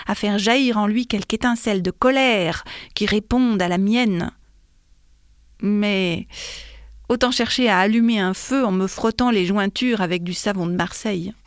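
A woman reading a classic story aloud in a measured, expressive way. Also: mid-range voice, dry recording, clean studio sound. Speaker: audiobook reader. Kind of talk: scripted narration of a classic novella.

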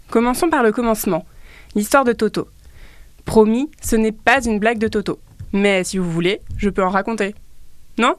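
A woman's voice: medium pitch, no room sound. A woman presenting children's books for a library, in a playful scripted style with teasing asides. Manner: reads children's book aloud with animated cries. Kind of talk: scripted radio book review.

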